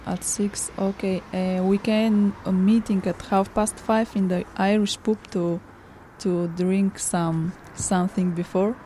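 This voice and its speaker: A woman with a Bulgarian accent speaking simple, halting learner's English in a practice dialogue. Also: mid-range voice, level tone, dark tone, slight background noise. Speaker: English course student. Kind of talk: practice dialogue in a language class.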